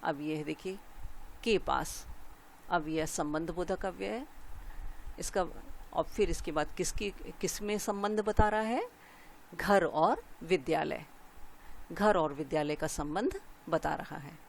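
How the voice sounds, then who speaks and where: A woman's voice: fairly low pitch, expressive, vocal fry, a little hiss or hum. A woman teacher giving a grammar lesson, going through examples one at a time and stopping to point out each one. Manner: explains slowly, pausing to point out each example.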